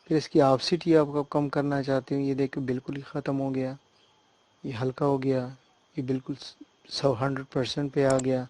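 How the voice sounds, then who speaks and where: A man giving a screen-recorded software tutorial, explaining step by step and often checking that the listener follows. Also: medium pitch, level tone, no echo. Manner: hesitant fillers and restarts while working on screen.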